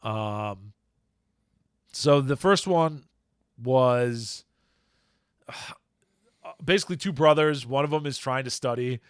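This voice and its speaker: A man's voice: medium pitch, slow pace, pauses often, smooth, no echo, studio quality. A man hosting a podcast in casual chat, rambling and searching for words as he recaps plots. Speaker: podcast host.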